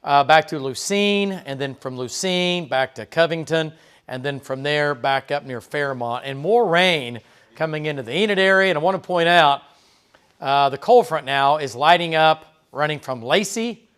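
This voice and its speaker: A man broadcasting live tornado coverage from a TV weather studio, his voice a touch higher than most men's. He talks through the radar in a loose, conversational way, dropping fillers and quick "okay?" checks. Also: fairly bright tone, smooth. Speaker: TV meteorologist.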